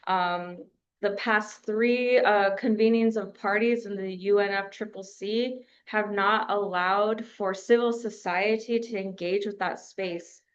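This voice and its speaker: A woman from New Mexico addresses a press conference in an even, flat tone, pausing often on fillers. The recording is dull and lo-fi. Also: medium pitch. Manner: measured, with frequent filler pauses.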